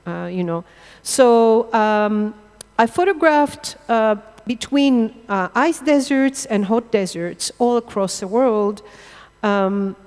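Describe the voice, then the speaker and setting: A middle-aged woman from Israel, a photographer, gives a public lecture from a stage, speaking haltingly and pausing to search for words. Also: mid-range voice, a little mellow, smooth. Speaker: architectural photographer giving a lecture. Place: lecture hall under stage lights. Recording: long hall reverb.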